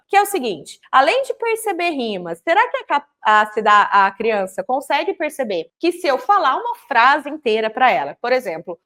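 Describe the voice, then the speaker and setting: A Brazilian woman explaining early literacy skills to teachers, animated and sounding words out slowly and clearly. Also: sits high. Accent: Brazilian Portuguese.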